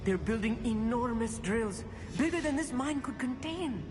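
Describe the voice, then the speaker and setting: A bookish young wizard student. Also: male voice, very high voice, expressive, normal speed, long reverb tail. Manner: earnest, scholarly, easily fascinated. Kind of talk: video game dialogue. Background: game music.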